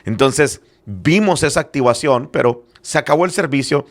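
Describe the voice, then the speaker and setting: With medium pitch, lively intonation and a moderate pace, a middle-aged man explains matters of faith earnestly and conversationally, hesitating often with fillers. He serves as a church apostle, comes from a Spanish-speaking background and lives in Arizona.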